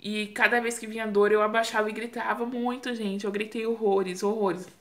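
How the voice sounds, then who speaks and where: A woman's voice: medium pitch, little pitch movement, normal speed. A young Brazilian woman casually telling the story of her childbirth to camera, acting out her own cries and the lines of others as she goes.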